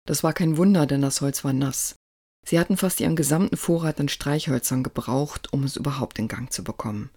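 A narrator reading a story aloud in a calm, even storytelling manner. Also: mid-range voice, fairly quick, husky, no echo, clean studio sound.

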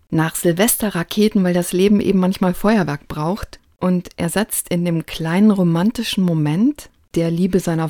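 A woman presents a scripted book review with measured, articulate delivery. Her voice sits slightly low and is recorded dry, with no room sound. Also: warm tone, dry recording.

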